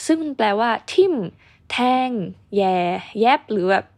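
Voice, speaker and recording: A woman's voice: on the high side, animated, a little slow. A young woman hosting a casual vocabulary lesson. She chats along, explains words and models example sentences. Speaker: English teacher, show host.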